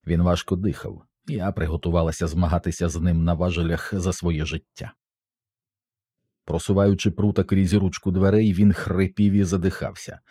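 A man narrates a first-person action story with steady tension. His voice is low and dark, with a husky grain. The recording is close and dry. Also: moderate pace, no echo. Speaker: audiobook narrator.

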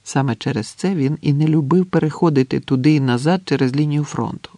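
A man narrating a novel as an audiobook in a measured, even manner. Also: fairly high pitch, no room sound. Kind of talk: scripted narration.

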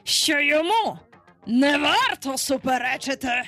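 A woman narrator voicing a menacing male pirate captain with an iron hook, who talks with cold, mock-gentle threat. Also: sits high, lively intonation, a little slow, faint music behind, voice pushed up, heavily acted. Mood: mock-gentle menace.

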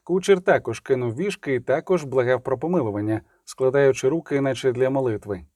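A man reading an audiobook in a measured, expressive narration. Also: mid-range voice, no echo, studio quality. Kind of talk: scripted narration.

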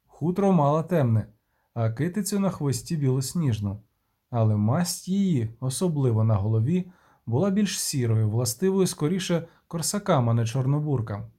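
A man narrating an audiobook with a steady, measured reading. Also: medium pitch.

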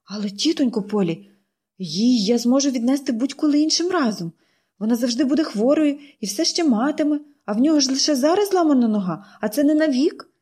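A woman's voice: high voice, lively intonation, brisk, warm tone, breathy edge, pitched above the performer's own voice. A woman reading an audiobook, voicing an eager, pleading young girl. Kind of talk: audiobook character voice.

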